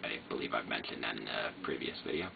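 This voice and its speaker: Very deep-voiced man with slurred speech. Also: quick pace, gravelly, crowd noise. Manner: hesitant, meandering, trailing off. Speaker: vlogger. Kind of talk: rambling casual monologue. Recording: noisy, muffled phone-like sound.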